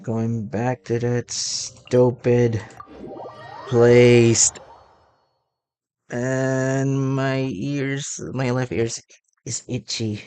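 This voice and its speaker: Over game music, a woman streamer reads on-screen dialogue aloud and reacts with playful, rambling commentary. Her voice is extremely low, warm and smooth, with little pitch movement. She speaks extremely slowly and pauses often.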